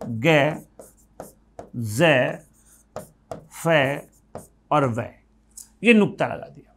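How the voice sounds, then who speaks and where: A man teaching grammar at a board, explaining patiently, repeating words slowly and asking the class for yes or no. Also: fairly high pitch. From India.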